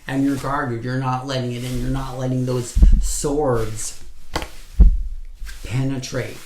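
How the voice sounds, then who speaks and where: A man's voice: mid-range voice, little pitch movement, takes it slowly. A man giving a casual pick-a-card tarot reading, blunt and profane, repeating points over and over for emphasis. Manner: blunt, swears freely, repeats himself for emphasis. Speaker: tarot reader. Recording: echoey room with faint noise.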